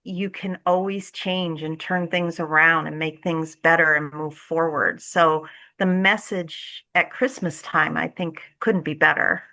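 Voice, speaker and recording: Being interviewed about her theatre directing, a woman speaks conversationally with earnest enthusiasm for her work. Her voice is bright, forward and a little low, and she keeps a steady tone at a slightly slow pace.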